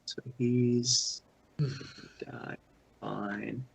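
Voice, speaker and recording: A man's voice: medium pitch, level tone, drawn-out words, creaky, slightly rough, poor audio. A man playing in a tabletop game, thinking aloud as he picks his moves. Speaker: player. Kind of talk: casual game chat.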